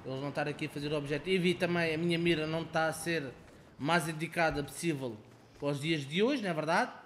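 A young man with a European Portuguese accent giving excitable, profane commentary over his own gameplay, taunting other players. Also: on the high side, fast, slight background noise. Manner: excitable, swearing, taunting players, swings between shouting and muttering. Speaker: gaming channel host.

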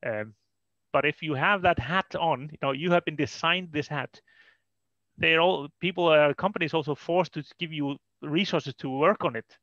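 An Icelandic-accented man, a data consultant, presents at an online meetup from indoors on a video call, explaining technical topics informally and saying "you know" a lot. He talks at normal speed in a fairly high, slightly bright voice, with no room sound and dull lo-fi call audio.

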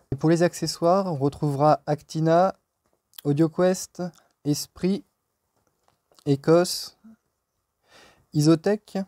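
A man's voice: on the high side, warm tone. A man in his thirties presenting his shop's open house, reading off long lists of brands with many hesitations, in a showroom. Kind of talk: casual presentation to camera. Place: hi-fi showroom with stone walls, indoors.

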